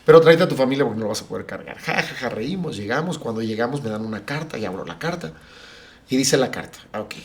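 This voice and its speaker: A middle-aged man, a pastor and podcast guest, telling a personal story and acting out what others said. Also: medium pitch. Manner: animated, acts out the dialogue of family and friends.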